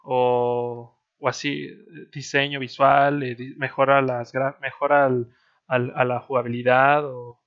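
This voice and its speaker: Joking Mexican host on a muffled call. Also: male voice, medium pitch, flat delivery, measured pace. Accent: Mexican Spanish. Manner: loose, joking, many fillers. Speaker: stream host. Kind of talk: casual chat on a call. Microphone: online call.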